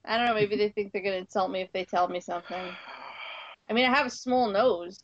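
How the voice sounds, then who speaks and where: A woman's voice: medium pitch, steady tone, fast, no echo, lo-fi sound. A woman co-hosting a podcast in casual chat, talkative and teasing, often laughing. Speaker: podcast co-host.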